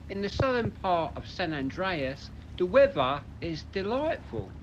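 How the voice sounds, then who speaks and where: Guy playing a chipper weatherman, higher voice, faint background noise. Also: fairly bright tone, lo-fi sound. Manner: chipper, broadcast delivery. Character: chipper gullible male weatherman. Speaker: weather reporter.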